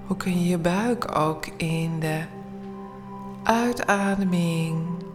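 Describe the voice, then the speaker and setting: A woman leading a guided bedtime meditation in a soothing, hushed, often near-whispered voice with long pauses. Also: on the low side, over music. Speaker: guided relaxation instructor.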